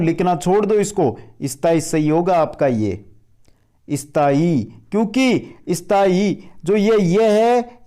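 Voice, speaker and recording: A man teaching a grammar lesson on video with a fairly high but mellow voice. He talks at an unhurried pace, answers his own rhetorical questions and calls his viewers friends. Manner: explains with many rhetorical questions; keeps addressing viewers as friends. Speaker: online Hindi grammar teacher. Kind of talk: spoken lesson for a video channel.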